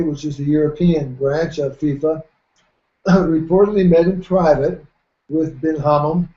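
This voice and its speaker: A middle-aged man hosting a radio sports talk show, speaking in a measured, folksy way and often clearing his throat. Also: a little high, mellow. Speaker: host. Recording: roomy, dull lo-fi sound.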